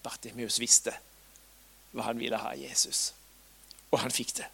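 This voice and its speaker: A man preaching a sermon, retelling stories dramatically, swinging from loud cries to soft asides. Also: medium pitch, steady tone, vocal fry, husky.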